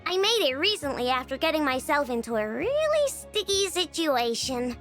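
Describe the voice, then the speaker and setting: A woman's voice: high-pitched, sing-song, normal speed, fairly bright tone. Cocky little gadget-making girl. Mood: proud. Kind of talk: game character dialogue. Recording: game music underneath.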